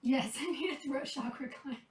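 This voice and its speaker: Tending kittens indoors, a high-voiced woman who rescues cats chats casually at a normal pace, speaking softly and breaking off to address the cats. Her voice is going, leaving her a bit hoarse. She's recorded from a distance in an echoey room.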